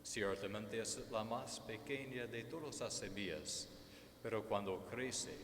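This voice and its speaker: A male priest delivers a solemn Gospel reading at an unhurried, formal pace. His voice rings through a church with long cathedral echo, over faint background noise. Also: on the low side, fairly bright tone. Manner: slow, measured, formal. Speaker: priest celebrant. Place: large church during Mass.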